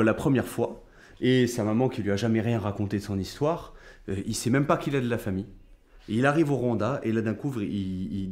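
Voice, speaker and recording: A man's voice: on the low side, darkish tone. A man giving an unscripted presentation, hesitant and searching for his words.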